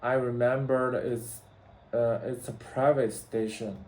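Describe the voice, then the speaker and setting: A man practicing English, speaking haltingly with many fillers and restarts. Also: medium pitch, steady tone, a little mellow, reverberant. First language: Mandarin Chinese. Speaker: English learner. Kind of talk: practice conversation.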